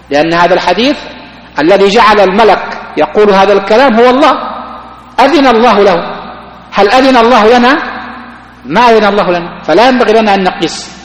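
A man, a sheikh, giving a mosque lesson on creed, explaining slowly with many restarts. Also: high voice. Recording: echoey mosque hall recording.

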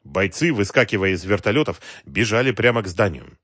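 A man narrating an audiobook in a measured storytelling voice. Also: fairly low pitch, big pitch swings, a bit bright, dry recording, studio quality. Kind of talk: scripted narration.

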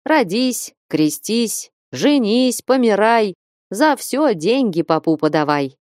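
Brief: a woman playing a surly old watchman, an ex-soldier; rough peasant speech, sharp delivery. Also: mid-range voice, big pitch swings, takes it slowly, no room sound, studio quality, pitched above the performer's own voice. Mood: chatty. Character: gruff old male church watchman, retired soldier.

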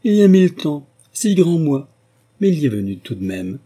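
A man's voice: on the high side, very animated, normal speed, warm tone, pitched above the performer's own voice. A man reading an audiobook voices a young princess, raised and emotional, swinging between tears and laughter. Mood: playful. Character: young woman, tearful and joyful princess daughter.

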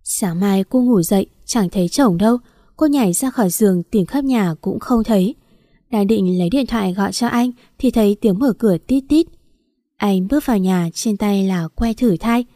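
Mellow-voiced woman reading a story. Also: medium pitch, normal speed, dry recording. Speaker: story narrator. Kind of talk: scripted story narration.

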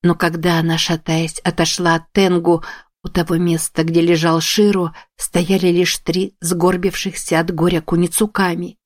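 Low-voiced woman narrating an audiobook. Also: level tone, moderate pace, no echo, clean studio sound. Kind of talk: scripted narration.

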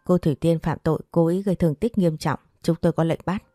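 A woman's voice: on the low side, steady tone, quick pace, warm tone, no echo, clean studio sound, soft background music, close to an everyday voice. A woman reading the lines of a stern male police officer in an audio story, speaking coldly and formally.

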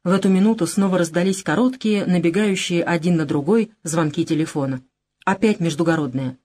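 A woman narrating an audiobook in an expressive reading style. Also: lowish voice, brisk. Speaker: audiobook reader. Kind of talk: scripted narration.

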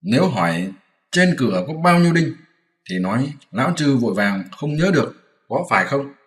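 A man's voice: medium pitch, big pitch swings, moderate pace, natural voice. Man doing Sun Wukong, a mocking monkey king. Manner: scolding, teasing, commanding. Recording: roomy echoey room.

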